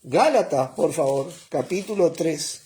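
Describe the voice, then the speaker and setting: A man preaching a sermon in a slow, explanatory way, often checking on his listeners with a quick "¿eh?" or "¿mm?". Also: fairly high pitch, animated, warm tone, slight background noise.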